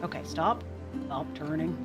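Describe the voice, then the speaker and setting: Speaking at a measured pace in a low voice, a woman offers casual commentary while streaming a game, thinking aloud and answering her chat. Game music is audible behind her.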